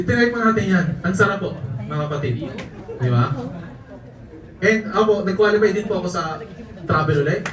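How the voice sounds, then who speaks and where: A network marketing speaker with a high-pitched, expressive voice tells jokey travel stories at a moderate pace, pausing often and laughing as he speaks. Recorded from afar in an echoey event hall, the clip carries crowd noise in the background.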